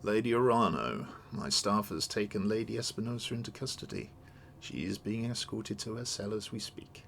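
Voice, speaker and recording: A man voicing a courteous older nobleman in a video game, measured and formal. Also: on the low side, vocal fry, fairly bright tone, a little hiss or hum. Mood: grave. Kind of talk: read-aloud of video game dialogue.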